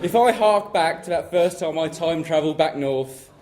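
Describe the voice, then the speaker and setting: A young man from England, speaking as the groom at his wedding reception, joking and then thanking family warmly. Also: fairly high pitch, normal speed. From southern England. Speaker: groom giving a wedding speech. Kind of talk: wedding speech to guests. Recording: loud crowd and noise at a reception. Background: laughing guests.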